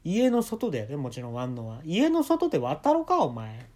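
A man with a Kansai accent playing his eccentric, threatening father, jumping from high shouts to low mutters. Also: huge pitch swings, a little fast. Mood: menacing.

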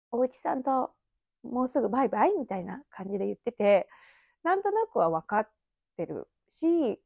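A woman's voice: medium pitch, gravelly, darkish tone, no echo. A woman in her thirties hosting a casual solo podcast at home, reminiscing in a rambling, chatty way with little laughs. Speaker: podcast host. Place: empty house. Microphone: phone app mic.

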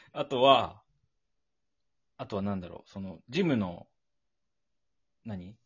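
Lively young man, husky and playful, lo-fi podcast sound. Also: on the low side, slow pace. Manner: playful, acting out silly scenes. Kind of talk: casual chat. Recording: dull lo-fi recording.

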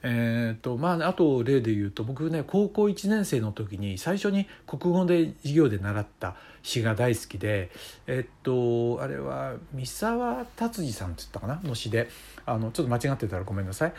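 A man's voice: medium pitch, big pitch swings, moderate pace, darkish tone. A middle-aged man hosting a casual solo talk show, musing in a conversational way with many fillers. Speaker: podcast host.

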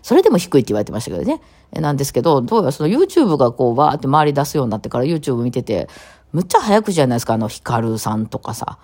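A woman with a Kawachi Osaka accent and a low, gravelly voice, chatting on her own in a rapid-fire, piling-on way. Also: sing-song, a little mellow. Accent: Kawachi Osaka dialect. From Kawachi, Osaka, Japan. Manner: rapid-fire, piling on one topic after another. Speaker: radio talk host. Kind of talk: casual solo talk.

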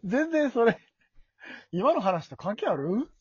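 A young man with a Kansai accent trading deadpan, teasing retorts in a casual comedy podcast. His pitch moves lively through the banter, and the recording sounds dull and lo-fi. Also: takes it slowly, crowd noise. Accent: Kansai Japanese. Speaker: podcast guest.

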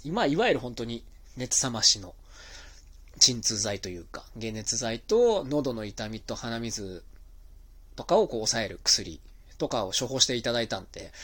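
A man hosting his own talk show as a pro wrestler, rambling casually on his own with a slightly stuffy, nasal voice from being ill. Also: medium pitch. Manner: chatty, rambling, with many fillers. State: stuffy nose, a bit nasal while recovering from illness. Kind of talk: casual solo monologue.

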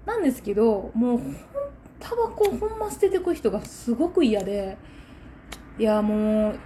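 A woman with a Kansai accent talks through a solo podcast episode, indignant and animated as she vents about a rude customer. Her voice sits a bit high and leaps up and down in pitch. A faint noise floor hums under the recording. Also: normal speed. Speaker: takoyaki shop owner and podcast host.

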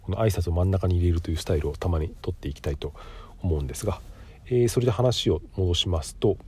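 A middle-aged man hosting a casual podcast on his own has a low, somewhat mellow voice with a breathy edge, nasal and congested from a cold. He talks fast, explains things politely, and fills his monologue with frequent pauses.

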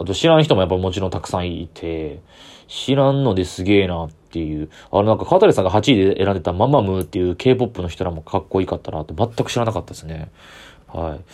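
A man's voice: low-pitched, a little mellow. A man with a Kansai accent, chatting on his own as a comedian podcaster, rambling with easy enthusiasm. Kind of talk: solo casual chat.

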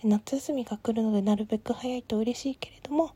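A woman host whispering softly through a calm late-night solo talk, with many small fillers. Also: a little high, quick pace, breathy edge. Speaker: podcast host.

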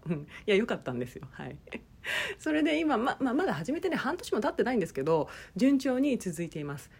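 A woman talks on her own in a relaxed podcast chat. Her voice is breathy and slightly husky, and her pitch moves around a lot. She keeps turning to her listeners with rhetorical questions. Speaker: podcast host. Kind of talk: casual solo talk.

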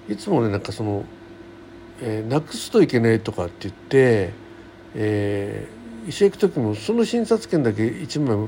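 A middle-aged man's warm, mid-range voice carries his solo radio show, where he chats casually in a colloquial, folksy manner and rambles through everyday anecdotes. Faint background noise is present.

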